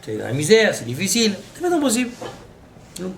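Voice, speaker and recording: A man's voice: high-pitched, brisk, vocal fry. A man giving a Torah lesson as a rabbi, telling stories and quoting Hebrew and Aramaic texts. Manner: storytelling with Hebrew and Aramaic quotes, animated. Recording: noisy recording.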